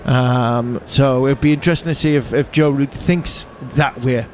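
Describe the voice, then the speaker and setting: A man giving halting cricket analysis with many restarts. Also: medium pitch, fairly even intonation, slight background noise. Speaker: cricket pundit. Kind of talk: casual analysis.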